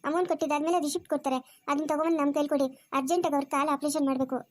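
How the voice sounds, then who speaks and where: A woman's voice: high-pitched, fairly even intonation, very fast, close to an everyday voice. A woman playing a stern, scolding hospital nurse. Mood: businesslike. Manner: scolding, sharp questions.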